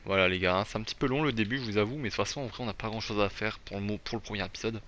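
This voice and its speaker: A man's voice: fairly low pitch, very fast, fairly bright tone, a little hiss or hum. Rambling young Frenchman gaming commentary. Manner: rambling, many fillers and restarts; self-deprecating about his English accent. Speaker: gaming YouTuber. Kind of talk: casual gameplay commentary.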